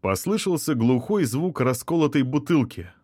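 A man narrating a novel in a steady, even storytelling manner. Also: mid-range voice, moderate pace, no echo, studio quality. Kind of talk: audiobook narration.

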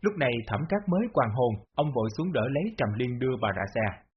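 A man reading a story aloud in steady, even scripted narration. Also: medium pitch, quick pace, a little hiss or hum. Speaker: audiobook narrator. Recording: dull lo-fi audio.

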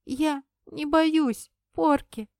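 A woman voicing a stubborn ten-year-old village boy who talks gruffly and sniffles in an audiobook. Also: medium pitch, measured pace, dry recording, studio quality, lightly acted. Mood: tearful. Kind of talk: audiobook character voice.

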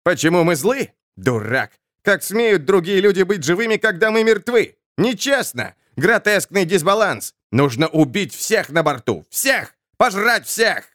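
Man playing shrieking vengeful dead sorcerer; high and dry. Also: animated, a little slow, few pauses, no echo. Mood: raging. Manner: shrill, furious.

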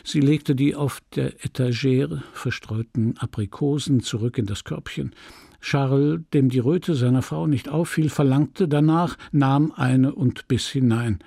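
Gravelly male literary narrator. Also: medium pitch, dark tone, dry recording, studio quality. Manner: dramatic, measured storytelling. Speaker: audiobook reader.

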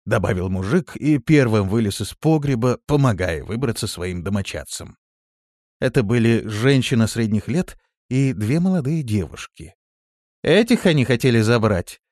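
A man narrating an audiobook in a measured, expressive reading style. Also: lowish voice, no room sound, studio quality. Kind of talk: scripted narration.

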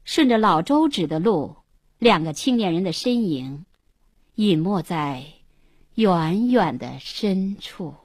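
A woman telling a dramatized story on the radio, voicing the characters' lines herself and rising to shouts in the tense moments. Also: on the low side, animated, slow pace, slightly rough, no echo, studio quality. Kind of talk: dramatic story narration with voiced dialogue.

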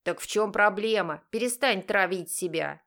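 A woman voicing a grown-up younger brother who talks in a slightly lower, steady, coaxing way. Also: moderate pace, lightly acted. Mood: earnest.

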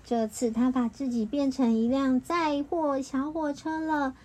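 A woman reading a children's storybook aloud to a child, in a lilting, expressive voice. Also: high-pitched, measured pace, a little hiss or hum.

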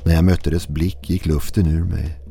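A man narrating a listener's horror story in a slow, hushed, brooding manner. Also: sits low, steady tone, creaky, soft background music.

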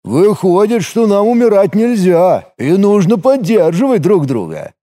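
A man's voice: a little high, sing-song, moderate pace, a little mellow, voice pushed up. A man voicing a whiny, fawning gang member in an audiobook. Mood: eager.

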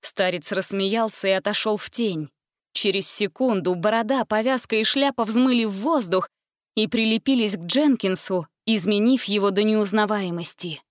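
Woman storybook narrator, measured delivery, mid pitch, dry close recording. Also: dry recording. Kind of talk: storybook reading.

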